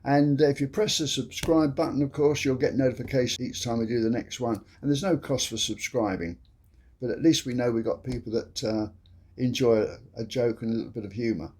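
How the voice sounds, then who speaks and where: A man's voice: mid-range voice, a little fast, darkish tone, slightly rough. An older man hosting a comedy show, telling long rambling jokes in a chatty, casual way. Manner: chatty, rambling storyteller with frequent "you see".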